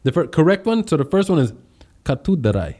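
A man's voice: sits high, lively intonation, fast talker. A man hosting a casual live stream as a podcast host and public speaker, chatting in a slangy, exuberant way and greeting viewers. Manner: upbeat, exuberant greetings and shout-outs; slangy, conversational.

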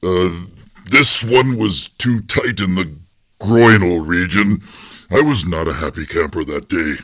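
A man voicing a boastful male alien warlord who shows off his photos in a deadpan, casually brutal way. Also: sits low, a little slow, no echo, clean studio sound.

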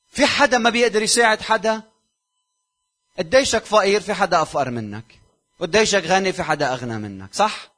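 A pastor with a Lebanese Arabic accent and a voice on the high side preaches a sermon to his congregation. He fires off rhetorical questions, dropping from loud exhortation down to near-whispers.

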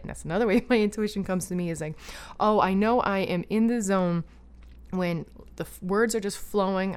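Speaking in a lowish, clean-toned voice, a woman hosts a talk show centered on casual spiritual discussion and guided breathing. Her delivery is eager and meandering, full of fillers and false starts.

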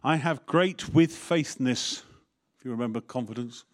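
A man preaching as the vicar of his parish. His voice sits at a middle pitch, and his manner is candid and conversational, full of asides and wry jokes. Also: normal speed. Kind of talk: sermon.

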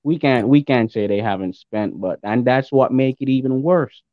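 A man's voice: mid-range voice, moderate pace, dry recording, narrow, tinny audio. A man speaking as a podcast guest in casual, opinionated football chat, emphatic and repeating his points. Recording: thin, band-limited remote call sound.

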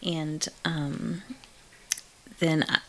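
A middle-aged woman with a notably low voice talks through her experiences as a therapist. She speaks in a relaxed, reflective way, pausing with small fillers as she goes. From Malawi. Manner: reflective, frequent ums and laughs. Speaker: therapist in private practice. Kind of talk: casual interview conversation.

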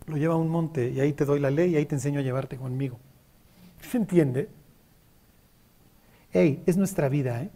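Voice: medium pitch, warm tone. A speaker teaching a Bible study to a group, often checking that listeners follow and acting out the quoted passages. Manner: keeps checking in with listeners, acts out biblical quotes.

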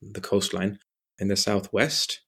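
A man in his late twenties from Ireland speaks in a low, gravelly voice. He answers interview questions carefully and articulately, now and then restarting a phrase. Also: level tone. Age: 20s. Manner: measured, articulate, with small restarts. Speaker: interview guest.

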